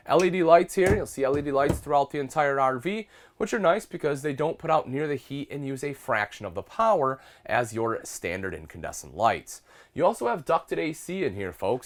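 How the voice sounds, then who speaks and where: A product specialist with a head cold and a congested voice gives a friendly walkthrough tour inside a travel trailer, addressing viewers as folks. He speaks at a medium pitch.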